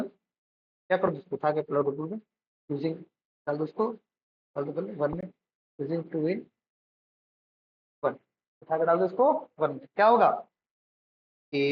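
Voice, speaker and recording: Writing out a problem as he lectures, a male physics teacher asks questions and answers them himself, checks in with his students and affectionately calls them "beta." His voice is a little high and slow, with frequent pauses. The recording is dull and lo-fi, with faint noise.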